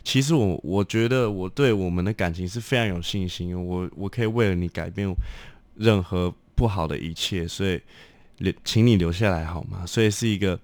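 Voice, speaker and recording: Low-voiced young man. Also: a little fast, a little mellow, no echo. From Taiwan. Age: young adult. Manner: chatty, loose sentences with many fillers. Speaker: guest singer-songwriter. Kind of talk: casual chat.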